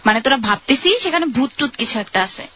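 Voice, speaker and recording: A woman's voice: sits high, expressive, fast talker, slight background noise. An actress playing an outspoken, skeptical young woman in an audio drama about a mystery. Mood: teasing, tired. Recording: muffled lo-fi, music behind.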